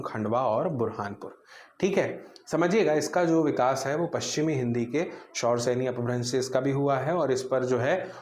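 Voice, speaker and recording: Man teaching grammar in an echoey room. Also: mid-range voice. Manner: explanatory, asks and answers his own questions. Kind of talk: exam-prep lecture.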